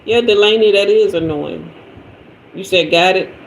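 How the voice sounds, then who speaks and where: A woman in her 50s hosting a tarot livestream reads viewer comments and chats in a loose, slangy manner. Her medium-pitched voice is gravelly, at a normal speed. The recording carries a roomy echo and faint noise.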